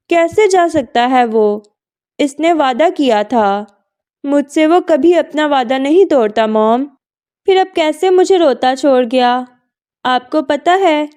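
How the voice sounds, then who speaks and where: A woman's voice: high-pitched, a little mellow. A woman reading a novel aloud, voicing a heartbroken young woman pleading through tears. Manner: pleading, distraught. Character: grief-stricken young woman sobbing over her lost love.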